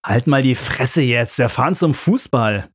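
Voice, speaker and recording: A man's voice: medium pitch, animated, a little slow, breathy edge, no room sound, studio quality. A man reading the lines of a brash young male football fan in a story, blunt and know-it-all. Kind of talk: audiobook character voice.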